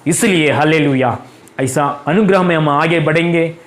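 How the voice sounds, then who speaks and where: A man's voice: on the high side, moderate pace. A male pastor preaching a fervent sermon in a church, breaking in with hallelujah again and again. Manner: fervent, repeats hallelujah constantly.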